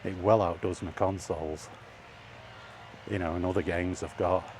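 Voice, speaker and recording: A man walking outdoors beneath trees vlogs casually, his rambling wry and grumbly. The low-pitched voice is a little mellow, with fairly even intonation and a moderate pace. Faint outdoor noise lingers in the background.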